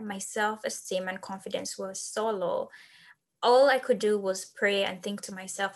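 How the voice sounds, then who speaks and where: A woman in her twenties from Zambia, a podcast guest earnestly telling the story of founding her organization. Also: mid-range voice. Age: 20s. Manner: earnest, animated when recounting. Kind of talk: podcast interview, personal storytelling.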